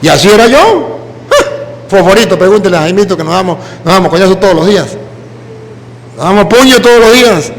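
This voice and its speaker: A Venezuelan man, a priest, preaching a sermon full of lively personal stories in which he mimics the people he quotes. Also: sits high, a little fast, in a large hall, a little hiss or hum. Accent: Venezuelan Spanish.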